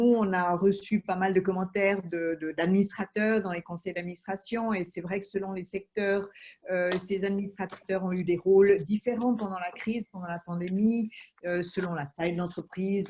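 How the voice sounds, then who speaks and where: A woman's voice: medium pitch, mellow. Hesitant woman on a video call. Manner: hesitant, many fillers and restarts. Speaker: association president, event participant. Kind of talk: online meeting discussion.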